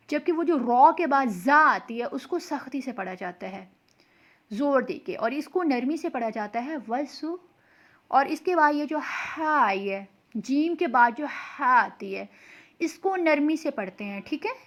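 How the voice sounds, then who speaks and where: Woman, high-pitched, young adult, patient tajweed teacher, slow recited examples. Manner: patient and explanatory, often checks in with "okay".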